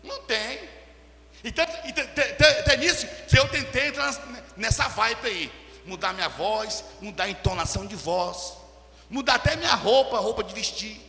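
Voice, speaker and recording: A pastor preaching a sermon, swinging between loud emphatic passages and quiet asides. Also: male voice, high voice, moderate pace, vocal fry, slight background noise. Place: church hall. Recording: echoey hall with long reverb.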